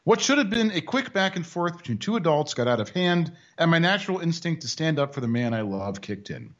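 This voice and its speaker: A man narrates a news story as a commentary host, wry and mocking. His voice sits a bit high and moves with lively swings of pitch. The audio is dull and lo-fi. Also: fairly quick. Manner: dry, mocking asides. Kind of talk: sarcastic commentary.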